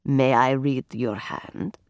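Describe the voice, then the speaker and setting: A woman voicing a strong old fortune-teller who speaks in a low, softly rasping voice, with slow, hushed, litany-like phrasing. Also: fairly even intonation, no echo, clean studio sound, heavily acted. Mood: coaxing. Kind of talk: audiobook character voice.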